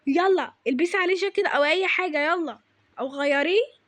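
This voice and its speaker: A woman's voice: very high voice, a little fast, a bit bright, no echo. A woman voicing a strict, conservative mother who scolds and nags in an Egyptian accent. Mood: scolding. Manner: scolding, nagging, insistent.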